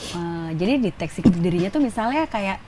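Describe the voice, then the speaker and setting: A woman hosting a casual talk show, lively and chatty, laughing often as she asks questions. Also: on the low side, brisk, a crowd in the background. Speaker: host.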